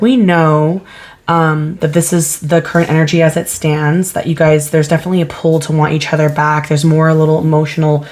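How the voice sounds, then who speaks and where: Low-voiced woman giving a tarot reading. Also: darkish tone. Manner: chatty, thinking aloud, asks spirit questions. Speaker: tarot reader. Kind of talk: casual pick-a-card tarot reading.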